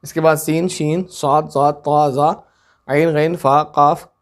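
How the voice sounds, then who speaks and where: A man teaching an online Urdu script lesson, patiently repeating each word slowly as he writes it out. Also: a little high, flat delivery.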